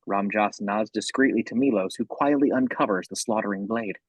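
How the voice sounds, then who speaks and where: A man with a husky voice reading scripted horror narration, describing the action scene by scene. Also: lowish voice, brisk, no room sound, low-quality recording.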